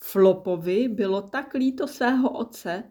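A woman calmly reading a children's story aloud. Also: mid-range voice.

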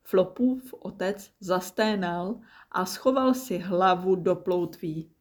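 A woman calmly reading a children's story aloud. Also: lowish voice.

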